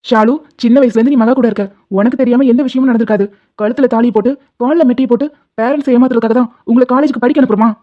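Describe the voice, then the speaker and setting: A woman voicing a stern, wealthy cartoon father with a menacing, scolding manner, speaking quickly in a fairly high voice through a slightly dull lo-fi sound. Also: fairly even intonation, lightly acted. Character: stern rich father, threatening and proud.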